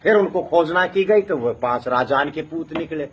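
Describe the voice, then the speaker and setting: Speaking with a rural Haryana-Rajasthan accent, a North Indian man recounts oral history as a traditional community storyteller, emphatic and chanting repeated phrases that build. His somewhat high, slightly rough voice is animated at a moderate pace, captured on lo-fi audio.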